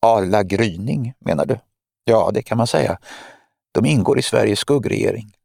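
Audiobook villainess, cold, mocking spymaster woman, read by a man, gravelly, close and dry. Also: lowish voice, lively intonation, a little mellow, no room sound. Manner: mocking, lecturing, menacing. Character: cold scheming woman spymaster, middle-aged.

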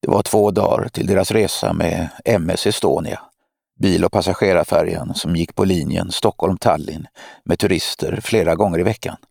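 A man reading an audiobook in a measured, steady narration. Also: low-pitched, gravelly, no echo, studio quality. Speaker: audiobook reader. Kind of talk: scripted narration.

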